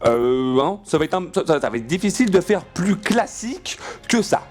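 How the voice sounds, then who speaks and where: Animated, playful male gaming host. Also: sits high, normal speed, faint music behind. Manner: rambling, swears often, restarts sentences; playful, jokey rants. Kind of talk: casual gameplay commentary.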